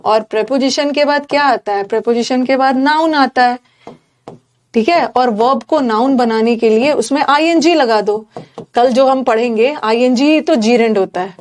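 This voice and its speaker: A woman's voice: on the high side, moderate pace, a little mellow. A woman giving an exam-prep grammar lecture, explaining in a mix of Hindi and English and putting questions straight to her students.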